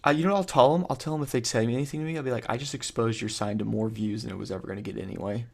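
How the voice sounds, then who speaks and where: A man's voice: mid-range voice, vocal fry. A man in his thirties hosting a casual group voice chat, rambling and swearing freely. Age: 30s. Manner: rapid, rambling, profane. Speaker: motorcycle vlogger host.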